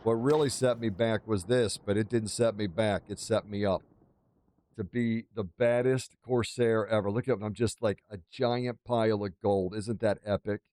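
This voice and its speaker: A man's voice: lowish voice, fairly even intonation, normal speed, darkish tone, dry recording. A man giving casual, exclamatory commentary over a video game playthrough, with a playfully boastful manner. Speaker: gaming video host.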